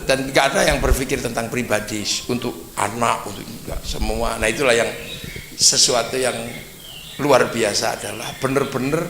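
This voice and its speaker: Gravelly man speaking haltingly. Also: mid-range voice, fairly bright tone. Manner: halting, searching for words. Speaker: panel speaker. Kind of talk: reflective talk. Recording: echoey room, faint noise.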